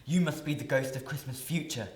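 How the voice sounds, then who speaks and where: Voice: medium pitch, a little fast, close to an everyday voice. A pupil acting out bitter, haunted old miser Scrooge. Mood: anguished. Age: teenager. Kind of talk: radio play acting. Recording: roomy echo.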